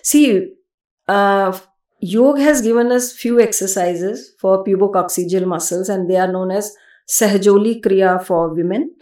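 A woman's voice: medium pitch, fairly even intonation, unhurried, mellow, roomy sound. A woman with an Indian accent explaining things conversationally as an interview guest, emphatic and given to repeating her phrases. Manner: emphatic, repeats phrases, switches between English and Hindi. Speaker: yoga expert, podcast guest.

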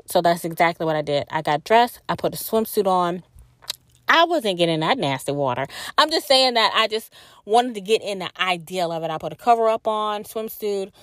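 Woman, wellness coach type, low-ish voice, loose rambly storytelling with lots of fillers, dry recording. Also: fairly bright tone, no echo. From New Orleans, US South. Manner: rambling, heavy with fillers like "like" and "you know". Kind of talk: casual personal storytelling.

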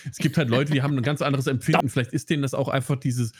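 A man's voice: medium pitch, fairly even intonation, racing, darkish tone, husky, no echo. Rambling man, dry sound. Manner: rambling, many restarts and fillers. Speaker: podcast co-host. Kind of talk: casual film chat.

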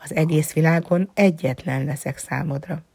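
A soft, wistful fox , as a woman reads him aloud murmurs in a low, breathy voice that slips into whispers. The storybook reading is close and dry, with no room sound. He speaks gently and thoughtfully. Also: no echo, exaggerated voice. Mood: musing. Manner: soft, musing, often dropping to a whisper. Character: gentle wistful male fox, lonely and wise.

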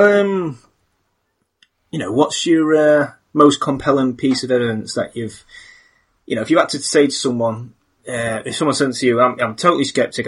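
Husky man asking rambling questions. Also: mid-range voice, fairly bright tone. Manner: meandering, hesitant questioning with restarts. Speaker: podcast host. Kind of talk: casual interview questions.

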